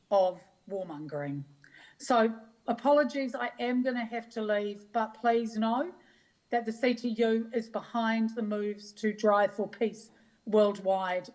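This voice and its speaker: A woman with a New Zealand accent gives an earnest, rousing political speech as a union leader, phrasing her points deliberately. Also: mid-range voice, darkish tone, rough recording. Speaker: trade union leader, rally speaker.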